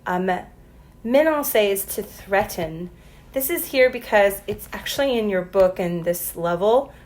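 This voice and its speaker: A woman's voice: medium pitch, darkish tone, rough recording. Woman teacher walking through a French lesson. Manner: explains patiently, spells out letters, sounds out French example sentences. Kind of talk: recorded classroom lesson.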